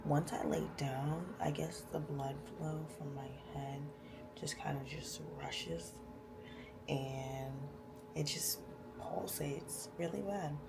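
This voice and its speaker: A woman's voice: low voice, fairly even intonation, slow pace, creaky, music in the background, poor audio. A woman chatting casually to camera as a vlogger, candid, informal and slangy.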